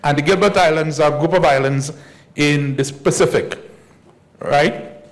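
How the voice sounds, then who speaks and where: A man, a historian giving a measured conference lecture and repeating key points slowly for emphasis. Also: fairly high pitch, poor audio. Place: conference hall.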